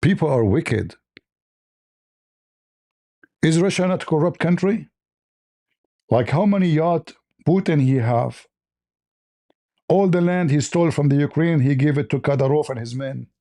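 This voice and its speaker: A man's voice: on the high side, measured pace, pauses often, warm tone. A man hosting a livestream, giving mocking, sarcastic commentary and repeating phrases for emphasis. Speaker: livestream host.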